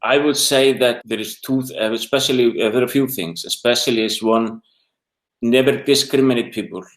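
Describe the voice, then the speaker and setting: A middle-aged man from Iceland with an Icelandic accent, an interview guest talking haltingly in English, his second language, searching for words. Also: mid-range voice. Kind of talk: casual interview talk. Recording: roomy echo.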